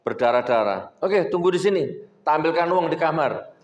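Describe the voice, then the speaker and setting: A man preaching a sermon, telling stories and swinging between loud exhortation and low asides. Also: lively intonation, moderate pace, muffled recording. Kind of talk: sermon with storytelling. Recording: echoey hall with long reverb.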